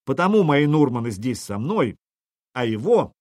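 A man doing a rousing young leader, booming. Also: big pitch swings, normal speed, no echo, studio quality, lightly acted. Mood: declaiming. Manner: loud, declaiming. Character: bold young male leader rousing a crowd.

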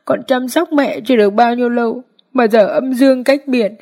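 A woman's voice: fairly high pitch, brisk, mellow, voice pushed up. A woman voicing a grieving eldest daughter-in-law who wails and sobs in lament, in a spoken story. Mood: wailing. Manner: sobbing lament.

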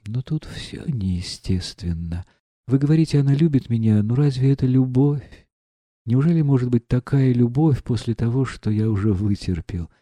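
Мужчина-чтец, озвучивающий кроткого, измученного молодого князя, говорит тихо и умоляюще. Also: male voice, medium pitch, no room sound, close to an everyday voice. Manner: soft, pleading, troubled. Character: gentle anguished young prince.

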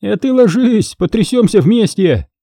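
A cocky, power-drunk young man, as a male reader puts him on in an audiobook crime story. He sneers and talks down to everyone in a raised, lively voice. Close, dry sound. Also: high voice, measured pace, vocal fry, dry recording, pitched above the performer's own voice, full character voice. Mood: sneering. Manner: sneering, condescending. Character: arrogant mocking male student, power-drunk, giggling.

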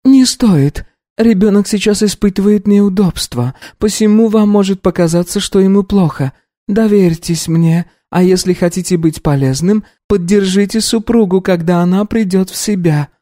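A woman voicing a brisk, practical housekeeper acting as midwife, firm and soothing in a dry studio reading. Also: mid-range voice, warm tone, no room sound, lightly acted. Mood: calm, firm. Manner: firm, soothing, matter-of-fact. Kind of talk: audiobook reading.

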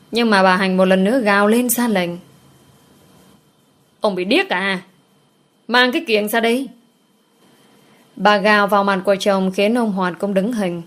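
A woman reads a scripted story aloud in a steady, even manner. Her voice sits at a middle pitch. She keeps the telling plain and measured.

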